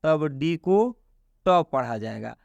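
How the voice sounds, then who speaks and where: A man teaching English pronunciation, speaking slowly and repeating himself, often asking the viewer questions. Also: fairly high pitch, expressive, vocal fry, darkish tone, no echo, dull audio. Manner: slow and repetitive, quizzing the viewer with questions. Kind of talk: classroom-style explanation in Hindi.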